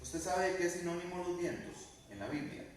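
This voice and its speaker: Pastor preaching. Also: male voice, sits high, animated, brisk, slight background noise. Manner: preaching with questions to the congregation, dramatic quoted lines. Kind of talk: sermon. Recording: very echoey room, mic at a distance.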